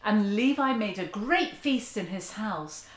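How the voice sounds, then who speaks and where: A woman's voice: medium pitch, measured pace. Earnest woman preaching at home. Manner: earnest, expressive, with open hand gestures. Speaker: church speaker. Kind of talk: sermon talk to camera. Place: living room, seated on a sofa indoors. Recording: echoey room.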